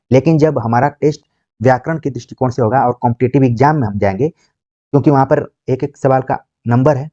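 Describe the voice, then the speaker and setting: A man gives an exam-prep grammar lecture in a dark, relaxed voice. He repeats examples and keeps asking the class rhetorical questions. The sound is dry and slightly dull, like a lo-fi home recording. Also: mid-range voice, dry recording. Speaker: Hindi teacher.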